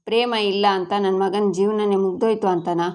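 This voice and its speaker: A woman's voice: mid-range voice, fairly even intonation, fairly quick, a little mellow, natural voice. A woman voicing an indignant mother defending her son. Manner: defiant, arguing.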